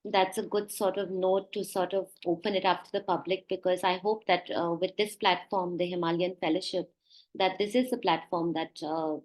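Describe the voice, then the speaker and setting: A woman's voice: fairly low pitch, poor audio. A woman moderating an online panel, polite and hesitant, reading out audience questions with many fillers.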